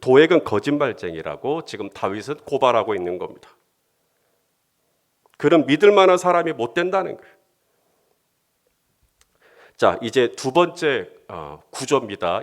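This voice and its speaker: A man's voice: medium pitch, big pitch swings, normal speed, pauses often. A man pastor giving a conversational sermon, sometimes voicing heartfelt prayers with rising emotion and leading the congregation in reading scripture.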